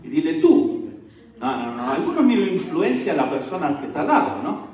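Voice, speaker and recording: A male pastor preaching a sermon with animated energy, throwing questions out to his congregation. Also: high voice, normal speed, vocal fry. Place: church sanctuary. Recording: echoey church hall, mic at a distance.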